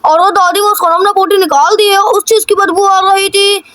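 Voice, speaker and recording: A woman's voice: very high voice, little pitch movement, normal speed, a bit bright. A woman voicing a cheeky young village boy in a cartoon, teasing and chatty.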